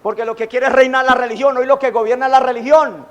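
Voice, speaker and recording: A man preaching a sermon as pastor, animated, acting out quoted taunts. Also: very high-pitched, fast talker. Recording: long hall reverb.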